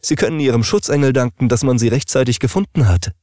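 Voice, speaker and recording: A man reading an audiobook, voicing a brisk, reassuring female hospital nurse. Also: medium pitch, warm tone, dry recording, studio quality, voice pushed up, lightly acted.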